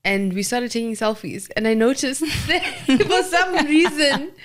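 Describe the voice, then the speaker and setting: A woman's voice: sits high, animated, unhurried, fairly bright tone. A woman in her twenties from Zimbabwe, a guest telling her story in casual chat with many fillers and restarts. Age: 20s. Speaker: guest, audiologist.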